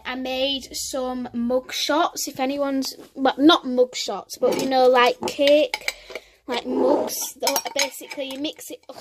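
A woman's voice: sits high, noisy background. A teenage girl with a Northern English accent chatting through a cook-along vlog in her home kitchen, rambling and correcting herself as she goes. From England. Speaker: vlogger. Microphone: phone camera held close.

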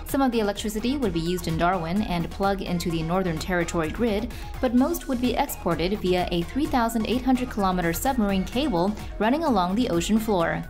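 A woman narrating a scripted news report in an even, informative voice-over. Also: mid-range voice, brisk, faint music behind.

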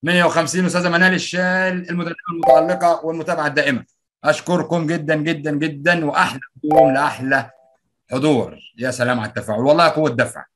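A man's voice: fairly high pitch, steady tone, very fast, noisy background. A man with an Egyptian Arabic accent running a live online workshop as trainer, playfully reading out and greeting participants' answers.

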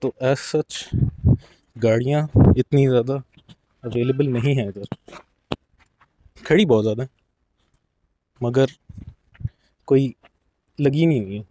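A man's voice: medium pitch, takes it slowly, long pauses, warm tone, a little hiss or hum. Casual young man touring a car lot. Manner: chatty, explaining as he walks, mixing in English phrases. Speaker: vlogger. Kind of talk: casual walk-through commentary.

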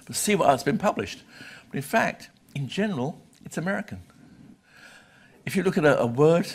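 A British man in his sixties, a lecturer and journal publisher, gives a live lecture from a podium in a lecture hall. He speaks conversationally and emphatically in short, clipped phrases, with a medium-pitched, slightly rough voice. Background noise from the live talk is audible.

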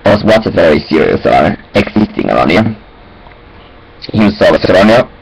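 This young adult man talks to his webcam in a cramped, messy room, rambling casually to himself in broken phrases padded with sing-song fillers. His low, gravelly voice is very animated and moves at a moderate pace. The recording is low quality, with slight background noise.

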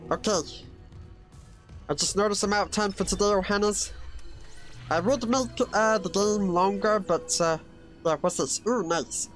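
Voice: mid-range voice, unhurried, pauses often, soft background music, lightly acted. A performer voicing Stitch, a mischievous cartoon alien, doing let's play commentary and speaking of himself in the third person. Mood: excitable. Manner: refers to self in third person, excitable yelps. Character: Stitch, small mischievous male alien, excitable. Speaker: gaming channel host.

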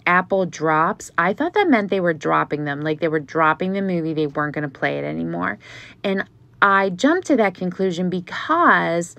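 A woman's voice: lowish voice, vocal fry, no echo. Chatty woman reading posts aloud. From Pittsburgh area, USA. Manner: chatty, animated asides between readings. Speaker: Beanie Baby collector and video host.

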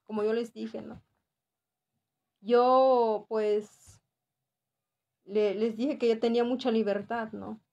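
A woman's voice: a little high, fairly even intonation, takes it slowly, vocal fry, pauses often, warm tone, lo-fi sound. A woman with a Mexican accent giving an earnest religious testimony, repeating phrases for emphasis and often adding tag questions. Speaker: church member giving testimony.

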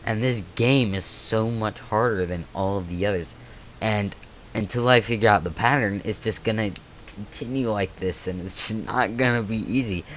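Lowish-voiced man narrating gameplay. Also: moderate pace, fairly bright tone, a little hiss or hum. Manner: thinks aloud, nervous exclamations. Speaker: gaming channel host. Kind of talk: let's play commentary.

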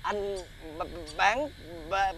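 A man's voice: sits high, animated, slow, noisy background, full character voice. A man acting a frantic young chicken seller in a folk-tale TV drama, stuttering and repeating his words. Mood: stammering.

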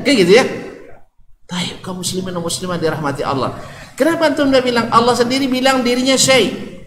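Lively preacher with an Ocu Malay accent. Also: male voice, a little high, a little hiss or hum. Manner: lively, jokes with the audience, asks questions. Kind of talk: Islamic study lecture. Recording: echoey hall, faint ambience.

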